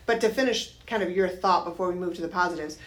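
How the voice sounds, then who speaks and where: A woman's voice: fairly low pitch, quick pace, a bit bright. A middle-aged woman with a nasal voice co-hosting a business podcast, who keeps the talk on track and affirms her partner. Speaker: podcast co-host, realtor. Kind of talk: casual chat.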